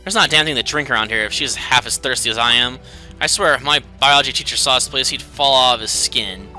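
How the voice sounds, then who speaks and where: A man's voice: mid-range voice, quick pace, sharp tone, soft background music. A man voicing a brash, impatient young man lost in a strange world. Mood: incredulous. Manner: blunt, impatient.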